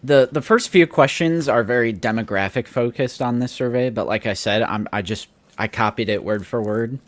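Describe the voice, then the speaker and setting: A man's voice: medium pitch, moderate pace, dry recording. A man in his twenties co-hosting a casual collectibles podcast, chatty and loose. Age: 20s. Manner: relaxed, chatty, lots of "like". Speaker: podcast co-host. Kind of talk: casual chat.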